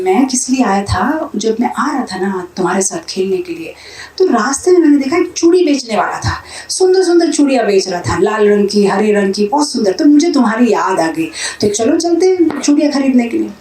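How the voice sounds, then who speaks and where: A woman's voice: a little high, very animated, fairly quick, mellow. A woman voicing the young boy Krishna as a playful trickster who coaxes and teases, told as a devotional story in a roomy hall. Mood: coaxing. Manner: teasing, coaxing. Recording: roomy hall sound from a distance.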